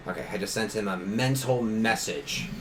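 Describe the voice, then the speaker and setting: A man's voice: lowish voice, moderate pace. A man narrating a tabletop game as game master in a casual, improvised way, recorded in a noisy room.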